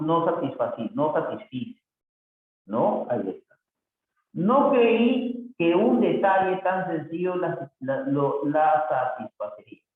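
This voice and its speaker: A man with a slightly raised voice runs through a grammar lesson at an unhurried pace, reading each sentence and then restating it the correct way. He keeps asking the listener to confirm. The audio is thin and phone-like, swimming in heavy echo with a faint hiss underneath. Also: fairly high pitch. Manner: reads exercise sentences aloud, then repeats them corrected; checks in with the listener with tag questions. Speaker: teacher.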